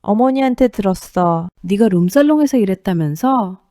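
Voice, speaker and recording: A woman voicing a stern, contemptuous older father-in-law in a story reading, slow and scornful. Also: mid-range voice, lively intonation, mellow, no echo, clean studio sound, natural voice.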